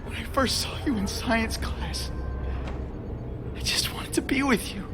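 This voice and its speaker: A young American superhero in a video game. He sounds earnest and devoted with a wry streak. Loud music plays behind his lines. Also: very high voice, unhurried. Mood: desperate, grieving. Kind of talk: video game cutscene acting.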